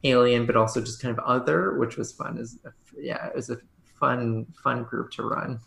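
Gravelly, bright-voiced man rambling casually. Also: medium pitch, fairly even intonation, moderate pace, roomy sound. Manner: rambling, hedging, full of restarts. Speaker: podcast guest, game master. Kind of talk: casual conversation.

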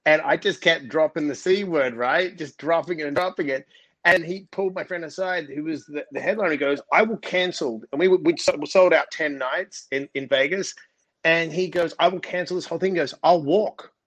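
A man's voice: a little high, normal speed, fairly bright tone. A man from Australia with an Australian accent, a comedian telling an anecdote in casual chat. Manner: laughing, anecdotal storyteller.

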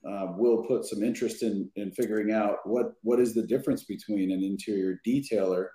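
Podcast guest, man, deep mellow voice, roomy echo, quick filler-heavy chat. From Southern California. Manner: lively, quick bursts with many fillers. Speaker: podcast guest, detailer and product maker. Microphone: remote podcast call.

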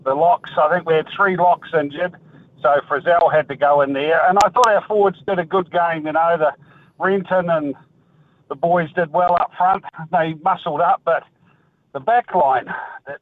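A man's voice: fairly high pitch, moderate pace, no room sound. An older man with a New Zealand accent calling a radio show for a casual chat about sport. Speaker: radio phone-in caller. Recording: tinny dry phone line.

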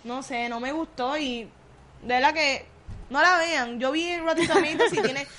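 A woman's voice: high-pitched, measured pace, over a noisy crowd. A young woman with a Puerto Rican accent co-hosting a casual podcast, chatting about series and dropping in English words. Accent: Puerto Rican Spanish. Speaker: podcast co-host. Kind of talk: casual chat reviewing films and series.

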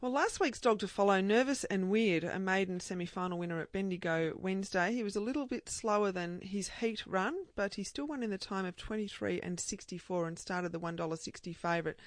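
Australian woman, mid-range pitch, racing radio co-host, interview and tipping talk, close dry studio sound. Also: a little fast, few pauses, no room sound.

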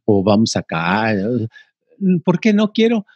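Husky older man, rambling. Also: on the low side, wildly swooping pitch, slow, darkish tone, dry recording, highs cut off. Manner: rambling, with filler sounds like "ta, ta, ta". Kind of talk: casual conversation.

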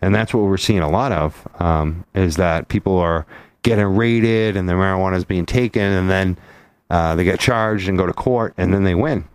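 Joking lower-voiced male radio host. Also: clear, resonant tone, no echo. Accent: Boston. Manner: joking and teasing, fast and animated. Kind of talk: casual radio talk show chat.

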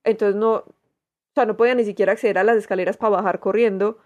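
A woman's voice: medium pitch, fast, dull audio. Colombian woman with paisa accent. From Colombia, Manizales. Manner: relaxed storytelling with fillers. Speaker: podcast co-host. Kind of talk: casual chat.

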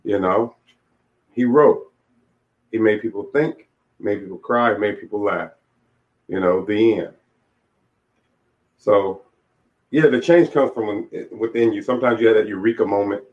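Speaking unhurriedly with long pauses, a late-forties male author recalls his life story during an interview, candid and reflective in plain words. His voice is lowish, and the recording sounds dull and lo-fi.

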